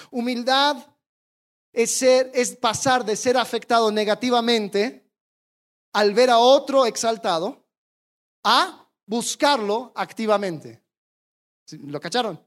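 A preacher delivering a sermon, animated, asking the congregation rhetorical questions and acting out the attitudes they describe. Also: mid-range voice. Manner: animated, acts out quoted attitudes.

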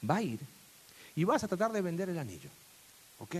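A man voicing a calm old sage who gives instructions in a story. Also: high voice, brisk, slight background noise.

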